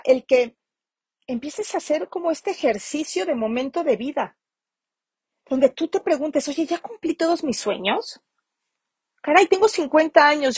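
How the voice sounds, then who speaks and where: A woman's voice: high voice, darkish tone, no room sound. A woman hosting a motivational business podcast, speaking emphatically and repeating phrases for stress. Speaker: podcast host.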